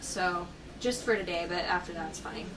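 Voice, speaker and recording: A woman's voice: on the low side, normal speed. A woman working as a dental assistant, explaining aftercare instructions conversationally, step by step, and checking that she is understood. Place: indoor clinic treatment room. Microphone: camera held by another person, at a distance. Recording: noisy room, distant camera microphone.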